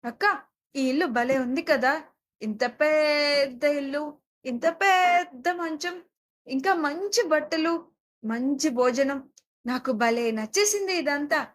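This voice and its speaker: Woman voicing a little girl, playful, wheedling, high voice, audio story. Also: a little slow. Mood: delighted. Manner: wheedling, excited.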